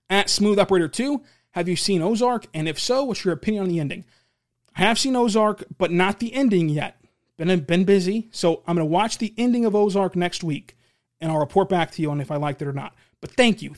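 A man hosting a casual basketball podcast, answering listener questions in a rambling, opinionated way, often repeating and restarting words. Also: a little high. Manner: opinionated, confident. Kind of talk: casual solo talk show.

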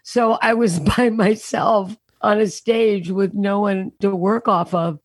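A woman comedian telling stories in an interview over a remote call, her voice deeper than usual and worn from a show and rehearsals. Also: steady tone, husky, no echo. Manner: anecdotal, self-mocking, quick punchlines. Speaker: comedian guest. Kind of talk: casual storytelling interview. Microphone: remote call over unstable internet.

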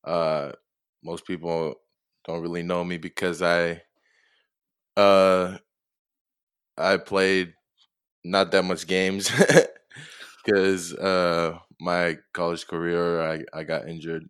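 Young man from tonga, low smooth voice, halting answers with lots of uh and like. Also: completely flat delivery, no echo, studio quality. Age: young adult. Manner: soft-spoken, hesitant, many fillers and chuckles. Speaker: football player guest. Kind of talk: casual interview answers.

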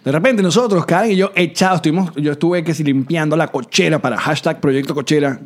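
Un hombre con acento venezolano que conduce un pódcast en charla informal, cuenta con humor, se ríe a menudo e imita a otros. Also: male voice, fairly high pitch, quick pace. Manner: animated, laughing, acts out quotes. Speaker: podcast host. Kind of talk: casual chat.

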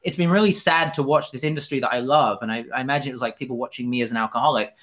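A British man speaks as an interview guest at an average male pitch. He is earnest and candid, thinking aloud in long conversational answers and often doubling back on words and phrases. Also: racing, fairly bright tone. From Fife, Scotland. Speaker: interview guest, journalist and author.

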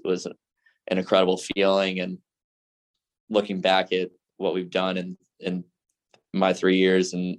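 A young man, a racing driver, answering interview questions earnestly, often restarting his sentences. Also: low voice. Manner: earnest, halting with many restarts.

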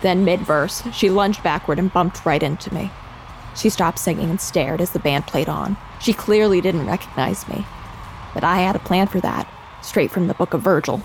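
An actress with a lowish, close-to-everyday voice plays the determined young lead of an audio drama, narrating her own ordeal in first person at a moderate pace over a noisy background. Her calm narration is steady and earnest, turning urgent in the dialogue scenes.

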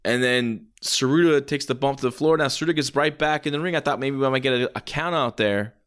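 A man's voice: mid-range voice, brisk, fairly bright tone. A man doing casual play-by-play as a wrestling commentator, reacting with exclamations and the odd swear word.

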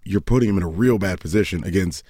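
A man's voice: low-pitched, quick pace, mellow, husky, no room sound. A man co-hosting a casual soccer podcast, talking in a dry, sarcastic, matter-of-fact way. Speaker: podcast co-host.

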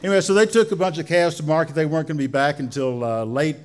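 A man tells a story live to an audience in a folksy, colloquial way, drawing out his phrases and pausing as he goes. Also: on the high side.

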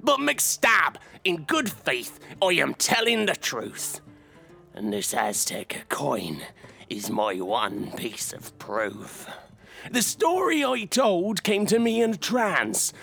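An actor playing a very old, blind, wily sailor who persuades in rhyme, as in an audio drama. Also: male voice, sits high, very animated, slow pace, creaky, sharp tone, faint music behind, full character voice. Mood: weary, confessional. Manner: very old man's delivery. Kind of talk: rhyming audio drama storytelling.

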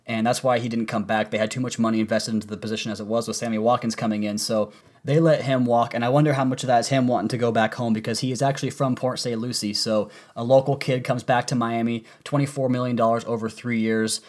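Male sports podcaster, rapid pace, sore swollen-tonsils throat, congested strained voice, cold, eager analysis. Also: medium pitch, fairly even intonation, a little mellow.

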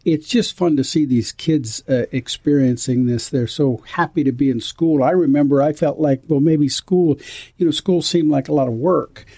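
A man with a gravelly, mellow voice speaks as an interview guest. He talks in a halting way, restarting often and leaning on fillers. The sound is close and dry. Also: on the high side, dry recording. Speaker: foundation guest. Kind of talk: casual interview talk.

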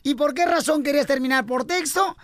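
A man hosting a radio show, joking and teasing his co-hosts in fast banter. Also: very high voice, a bit bright, no echo.

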